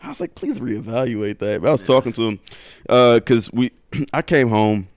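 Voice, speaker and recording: A man's voice: mid-range voice, normal speed, no room sound. A man co-hosting a podcast, telling a loose, profane story in casual chat and laughing often. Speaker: podcast co-host.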